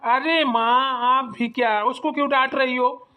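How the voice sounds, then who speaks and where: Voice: sits high, steady tone, measured pace, smooth, narrow, tinny audio. A performer voicing a grown son in a Hindi cartoon, who reasons with his mother in an earnest, persuasive way. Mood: pleading.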